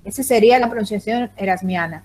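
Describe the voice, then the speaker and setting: A woman's voice: mid-range voice, quick pace, a little mellow. A woman whose first language is Greek, giving an online lecture on the language to a general audience, hesitant and full of fillers, on a video call. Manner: hesitant, many fillers and restarts.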